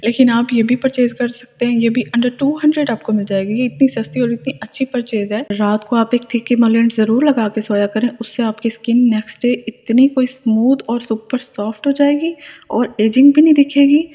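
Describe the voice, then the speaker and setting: A woman's voice: a little high, fairly even intonation, fairly quick, hardly any pauses, warm tone, slightly rough. A woman, casually and enthusiastically reviewing skincare products and laughing at herself. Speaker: beauty vlogger reviewing moisturizers. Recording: lo-fi with long reverb.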